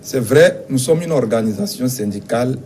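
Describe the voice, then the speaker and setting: Man from Togo, union representative, mellow voice, faint background hiss, measured. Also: mid-range voice, animated. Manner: measured, insistent, with hesitations. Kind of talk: studio interview answers.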